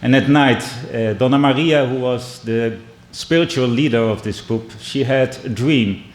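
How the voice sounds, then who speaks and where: Middle-aged dutch guy with a brazilian edge to his english, keynote talk in an echoey hall, pauses and restarts a lot. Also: medium pitch. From Netherlands. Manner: measured, with frequent restarts and pauses. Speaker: keynote speaker. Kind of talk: keynote speech with storytelling. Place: indoor conference hall.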